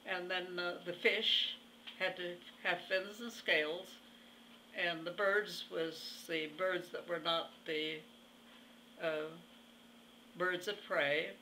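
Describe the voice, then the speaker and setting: Centenarian woman interviewee: very old voice, unhurried and halting, bright edge, slight background noise. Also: fairly low pitch, fairly even intonation, rough recording. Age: over 100. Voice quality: very old, aged voice. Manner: halting, pauses mid-phrase, plainspoken. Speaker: interview guest. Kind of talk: reminiscing in conversation.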